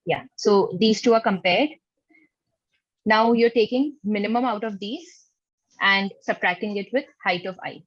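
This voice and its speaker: Woman technical interviewer, reassuring, husky, dry lo-fi call sound. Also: mid-range voice, measured pace, dry recording. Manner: reassuring, patient, tentative phrasing. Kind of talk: formal but conversational mock interview. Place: online video call with screen sharing. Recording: dull lo-fi online call, dry.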